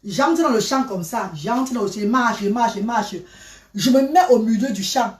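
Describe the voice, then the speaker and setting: A woman telling a personal story in a dramatic, repetitive way that swings between loud and hushed. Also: on the high side, expressive, normal speed. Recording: roomy, from a distance.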